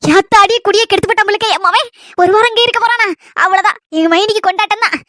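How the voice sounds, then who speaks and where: A woman doing a shrill scheming village mother. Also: fairly bright tone, no echo, studio quality. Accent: Kanyakumari Tamil. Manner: rapid, gossipy complaining. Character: scheming, fretful middle-aged village mother.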